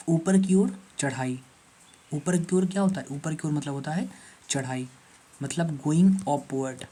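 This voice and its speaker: A male teacher lectures on vocabulary for exam preparation, going back over each word several times. His voice is mellow and a little husky. He keeps checking in with the class through rhetorical questions. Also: fairly high pitch. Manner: repeats words and asks the class rhetorical questions. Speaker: English teacher for exam prep.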